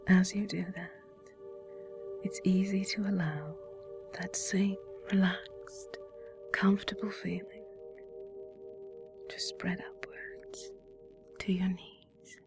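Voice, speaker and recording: A woman whispering slow, soothing guided relaxation instructions as a hypnotist. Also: fairly low pitch, fairly even intonation, music in the background.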